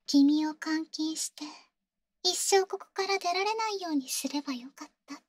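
Very high-voiced, sweetly obsessive clingy girlfriend, ASMR role-play. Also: no room sound. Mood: eerie, sweet. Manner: sweet, eerily obsessive, pleading, halting. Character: clingy, insecure, obsessive yandere girlfriend, young woman. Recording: close, dry ASMR audio.

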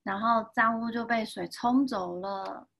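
A woman in her thirties with a Taiwanese Mandarin accent, reading a picture book aloud to a child with lively sound effects and voices. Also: a little high, unhurried. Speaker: storyteller reading picture books live.

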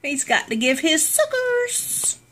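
A woman's voice: high voice, very animated, takes it slowly, fairly bright tone, a little hiss or hum. A woman, chatting casually to the camera, laughing often. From southern United States. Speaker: vlogger. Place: in a car, then at home indoors. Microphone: phone camera at arm's length.

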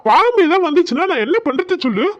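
A woman's voice: very high-pitched, big pitch swings, quick pace, lo-fi sound, voice pushed down. Woman doing a nagging mother. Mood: scolding. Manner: loud nagging scolding. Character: stern village mother scolding her son, fretful.

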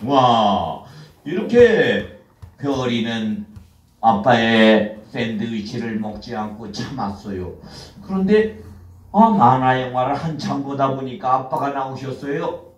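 A man's voice: medium pitch, expressive, slow pace. An older man narrating a children's puppet show, sing-song and addressing the young audience with questions. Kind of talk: storytelling to children. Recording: roomy sound from a far camera.

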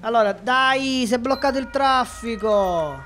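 With faint music in the background, this man speaks at a measured pace in a very high-pitched, sharp voice. He's a gaming streamer from Catania with a Sicilian Italian accent, giving playful live commentary on a police game and talking to his chat.

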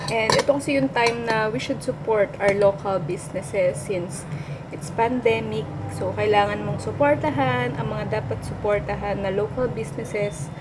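A woman's voice: mid-range voice, normal speed, very noisy. A middle-aged woman with a Filipino accent, chatting casually while she eats on camera, laughing often. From Philippines. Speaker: food vlogger. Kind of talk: casual mukbang chat, mixing Tagalog and English. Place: small indoor workplace room. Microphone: built-in mic of a front camera at arm's length.

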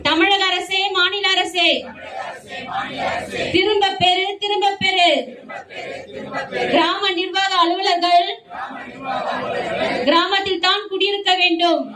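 A woman leading a protest through a megaphone, chanting each slogan twice in a steady rhythm. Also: very high voice, slow, pauses often. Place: outdoor street protest. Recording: echoey, distant, loud crowd around.

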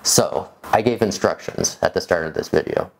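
A man in his forties speaking in a measured, explanatory way to camera, as a video creator, in a room indoors. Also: low-pitched, gravelly, low-quality recording. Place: small furnished room indoors.

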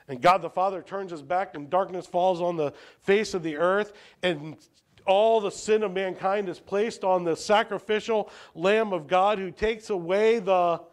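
A man preaching a sermon as a pastor, posing rhetorical questions and swinging between emphatic lines and hushed ones. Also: sits high.

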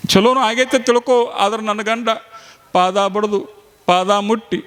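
Man plays wronged rural wife, tearful lament, slow and drawn out. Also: sits high, a bit bright, smooth. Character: tearful village wife whose husband stole her anklet.

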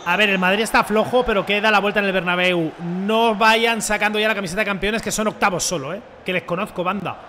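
High, bright-voiced young male streamer. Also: quick pace, hardly any pauses, slight background noise. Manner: excitable, shouts on goals, slangy banter with viewers. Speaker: gaming streamer. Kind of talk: let's play commentary.

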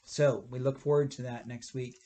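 A man in his fifties, a pastor giving a children's church lesson, explaining gently and rephrasing as he goes while gesturing, recorded on a webcam in a church library. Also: medium pitch, steady tone, normal speed, slight background noise.

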